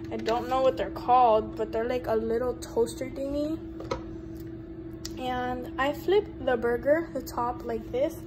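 A woman's voice: on the high side, poor audio. A teenage girl vlogging casually in her home kitchen, rambling and chatty with lots of fillers, filmed on a handheld phone. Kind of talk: casual cooking vlog. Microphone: handheld phone camera. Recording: loud appliance noise behind.

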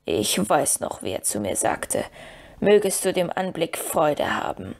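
A woman reading an audiobook, voicing a gruff, grieving male dwarf warrior in a lowered, slower voice. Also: sing-song, darkish tone, full character voice. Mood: mournful.

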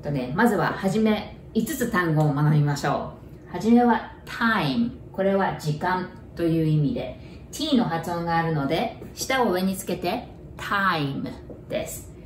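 A woman teaching a bilingual language lesson, slowly repeating words in careful pronunciation drills. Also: on the low side, expressive, darkish tone. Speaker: English teacher. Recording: echoey room, distant mic, faint noise.

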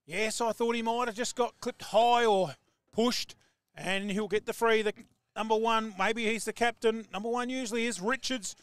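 An Australian man calling live football play-by-play, excitable and rising to shouts on big plays. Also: high voice, moderate pace, clean tone, no echo. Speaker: football commentator.

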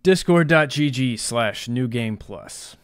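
A man co-hosting a podcast, joking around with a drawn-out delivery. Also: medium pitch, lively intonation, dry recording. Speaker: podcast co-host. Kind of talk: casual podcast chat.

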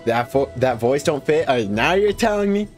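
A man's voice: mid-range voice, lively intonation, moderate pace, soft background music. A man casually commenting on a game he streams, with chatty, self-mocking asides.

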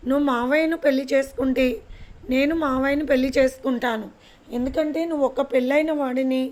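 A woman's voice: sits high, fairly even intonation, fairly quick, a little mellow, lightly acted. A woman voicing a stubborn, lovesick young woman in a storybook reading, speaking insistently. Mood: angry.

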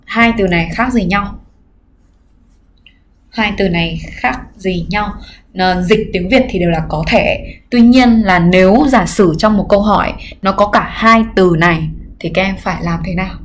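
A woman's voice: mid-range voice, moderate pace, a little hiss or hum. Patient woman teacher reviewing an exam. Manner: explains patiently, often adds "các em" and "nhá"; frequent filler hesitations. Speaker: English teacher. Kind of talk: livestream exam review lesson. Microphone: computer mic during livestream.

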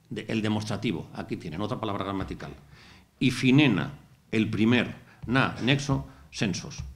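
Middle-aged guy lecturing, goes word by word, kinda low voice. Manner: explains word by word, methodical, with asides. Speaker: university lecturer. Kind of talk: academic lecture. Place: lecture hall.

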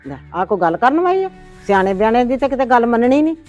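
A woman's voice: on the high side, big pitch swings, quick pace, soft background music. A woman playing a stern, nagging grandmother in a homemade family drama, lecturing and complaining. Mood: scolding. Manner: complaining, lecturing, sharp-tongued.

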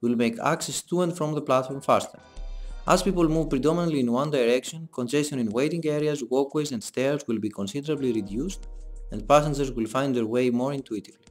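A young man giving a scripted voice-over for a design presentation, in a measured, explanatory read. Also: mid-range voice. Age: young adult. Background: soft background music.

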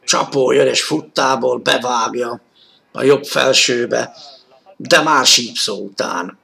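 A man works as an excited live football commentator on 1980s television. His voice is forceful and bright, with a gravelly creak at mid pitch. He lifts toward shouts when the play heats up. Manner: excited, rising to shouts at key moments. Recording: old 1980s TV sports broadcast audio.

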